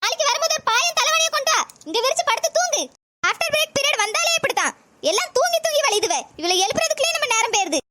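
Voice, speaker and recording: A woman's voice: very high voice, expressive, racing, heavy background noise. A woman voicing a stern, scolding female village teacher in a comedy cartoon, nagging in exasperation with a southern Tamil Nadu accent. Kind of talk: comedy skit voice acting.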